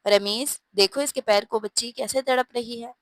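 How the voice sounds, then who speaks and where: Woman doing kind middle-aged mother, gentle, coaxing, storybook, dry. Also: fairly high pitch, moderate pace, dry recording, close to an everyday voice. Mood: concerned.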